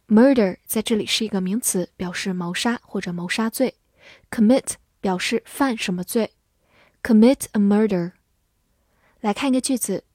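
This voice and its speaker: A woman teaching English vocabulary in a scripted lesson, spelling each word letter by letter and reading example sentences slowly. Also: medium pitch, darkish tone, no room sound, clean studio sound.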